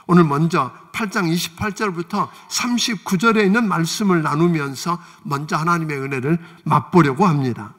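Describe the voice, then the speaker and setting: Preacher guy, high and bright, lots of hall reverb from the church, keeps throwing questions at the pews. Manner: preaching, asks the congregation rhetorical questions. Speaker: senior pastor. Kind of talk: sermon. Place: church sanctuary.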